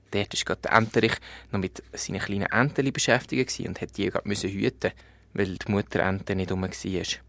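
A man with a Swiss German accent telling a children's story in a gentle, unhurried way. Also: lowish voice, gravelly.

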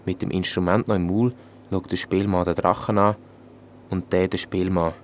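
A man with a Swiss German accent telling a fairy tale in a calm, even manner. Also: low-pitched, normal speed, a little hiss or hum. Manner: calm, even storytelling in dialect. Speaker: storyteller.

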